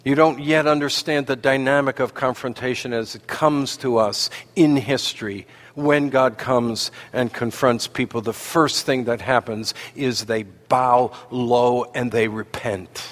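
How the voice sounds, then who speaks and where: A man preaching a sermon, slow and deliberate, with dramatic pauses. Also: medium pitch, fairly even intonation. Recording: long hall reverb.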